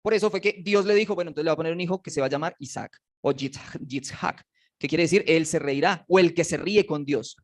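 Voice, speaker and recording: Man, quick high voice, teaching a Bible class in a classroom, joking, quizzing students. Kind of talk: casual Bible lesson to a class. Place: classroom with slides.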